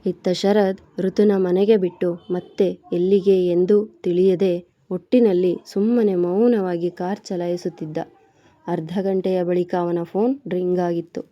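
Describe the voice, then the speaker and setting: A woman reads a serialized love story aloud in a steady, expressive manner. Her voice sits a little low for a woman. The recording is muffled and dry, close to the mic with no echo. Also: unhurried. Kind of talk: scripted story narration.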